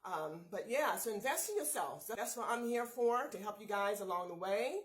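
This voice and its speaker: A woman beauty vlogger walks through a skincare routine in a relaxed, chatty way. She keeps speaking straight to her viewers with easy encouragement. Her voice sits at an ordinary middle pitch. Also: normal speed, low-quality recording. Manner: chatty, often addresses viewers as you guys; upbeat, encouraging pep talk. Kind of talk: casual skincare tutorial.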